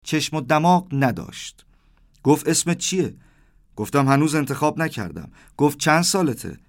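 A man's voice: on the high side, big pitch swings. Man in his thirties telling a story. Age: 30s. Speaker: narrator. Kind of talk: storytelling narration.

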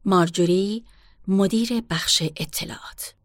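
A woman voicing a stern, unhelpful middle-aged female hotel clerk in a storybook reading, speaking low and curt. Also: no echo, studio quality, close to an everyday voice. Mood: stiff, curt.

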